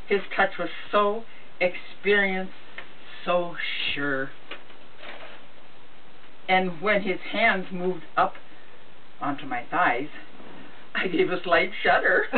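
A sweet old lady in her seventies reading a comic story aloud to family in a deliberate storytelling manner. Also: on the low side. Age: 70s. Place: wood-panelled room in a home, indoors. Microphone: camera a few metres away. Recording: muffled phone-like sound, distant mic, noisy.

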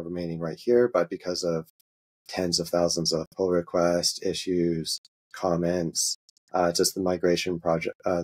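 A man, an open source maintainer, walking through a software demo in an interview, halting and easygoing, with many filler sounds. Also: low-pitched, vocal fry, breathy edge.

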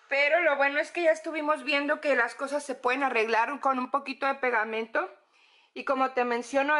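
Excitable Mexican woman with a bright voice. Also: high-pitched. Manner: excitable, gushing, drawn-out words. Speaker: vlogger. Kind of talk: casual home vlog. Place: apartment.

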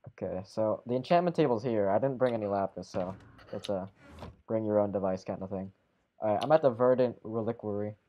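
Here a game player's fairly low, mellow voice comes through with the highs cut off. He rambles through casual chat with his friends mid-game, catching and fixing his own words and tossing out sudden exclamations.

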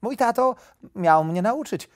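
A man voicing an excitable, easily distracted little hare in a storybook, with a squeaky, shrill voice. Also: measured pace, no echo, clean studio sound. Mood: eager. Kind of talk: audiobook character voice.

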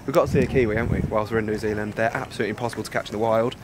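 A man's voice: lowish voice, fairly even intonation, very fast. A young man, chatting casually and cheerfully to a handheld camera while travelling outdoors, laughing often. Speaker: travel vlogger. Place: outdoors on a road trip.

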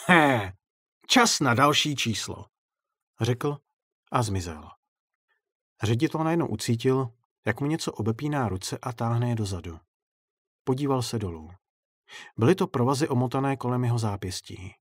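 A man narrating a dark short story in steady, measured audiobook style. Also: medium pitch, husky, no echo, clean studio sound.

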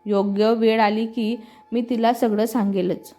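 Woman reading as a calm older father. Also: fairly high pitch, a little slow, natural voice. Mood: reassuring. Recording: slightly muffled with soft music.

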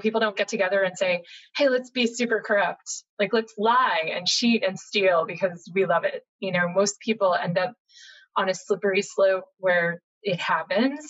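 A middle-aged American woman, a journalist guest, telling her story in a chatty, animated way over a video call from home. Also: lowish voice. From United States, Boston area. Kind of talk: casual interview conversation. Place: home room, indoors. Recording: slightly dull lo-fi video call audio.

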